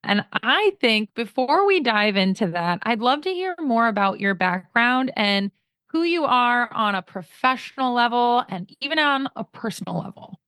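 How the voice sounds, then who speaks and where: A woman's voice: a little high, animated, moderate pace, a bit bright, clean tone, dry recording, clean studio sound. A woman hosting a podcast, upbeat and encouraging as she introduces a guest and asks questions. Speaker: podcast host. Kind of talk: podcast interview.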